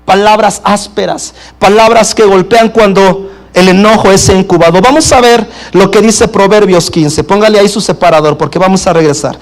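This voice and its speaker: A man's voice: high voice, normal speed. A male pastor preaching a sermon, prompting the congregation to answer back. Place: church service in a home gathering.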